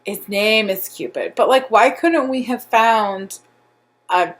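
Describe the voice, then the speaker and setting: A young woman shares her book opinions in an unhurried, casual chat, with a voice of ordinary middle pitch. She often trails off and stops to laugh at herself. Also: fairly bright tone. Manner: easygoing, hesitant, laughs at herself. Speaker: book reviewer, co-host.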